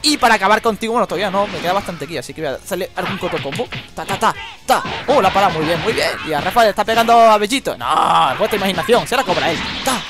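Young male let's-player from Spain, high and rapid, loud game music under him. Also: animated. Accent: Spain Spanish. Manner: rapid, jokey, exclamatory, swears often. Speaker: gameplay commentator. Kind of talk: excitable let's-play commentary. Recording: game music playing behind.

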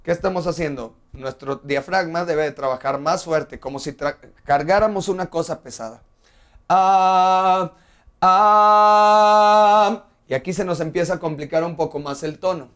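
A man's voice: on the high side, a little fast, hardly any pauses. A man teaching a singing lesson, explaining step by step and asking rhetorical questions along the way. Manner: breaks into sung scales and long "ah" tones. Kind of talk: vocal lesson.

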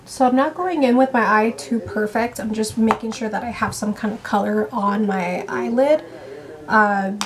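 A young woman chatting excitedly and quickly through a casual makeup vlog at home. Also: fairly high pitch, a crowd in the background. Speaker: vlogger.

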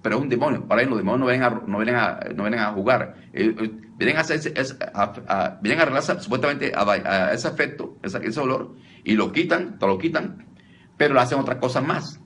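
There's slight background noise as a deliverance preacher, a fast talker with a mid-range, fairly bright voice, teaches conversationally on deliverance. Frequent restarts and repetition mark his delivery, and he keeps calling his listeners brother.

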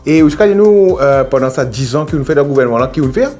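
A man in his thirties with a Mauritian accent, acting as a formal TV game show host who announces with drawn-out key words. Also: medium pitch, expressive, mellow, close to an everyday voice. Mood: formal, upbeat. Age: 30s. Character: smooth, eager male TV game show host in a parody. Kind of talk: game show host presenting in a sketch comedy. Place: TV studio set. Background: game show music.

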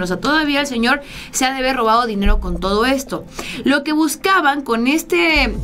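A woman's voice: fairly high pitch, fairly bright tone. A young woman in her twenties from Mexico, hosting political commentary in a small studio, indignant and talking with her hands. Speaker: host. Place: small studio with blue backdrop.

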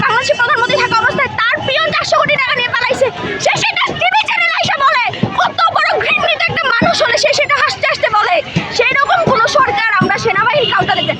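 A woman in her twenties with a Bangladeshi accent gives an impassioned, tearful, urgent statement, mixing in English words. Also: very high-pitched. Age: 20s. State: distraught, tearful. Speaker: teacher speaking as a protester. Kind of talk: impassioned street statement to media. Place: outdoors on a busy city street. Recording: loud street crowd and traffic noise. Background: crowd, vehicles, street noise.

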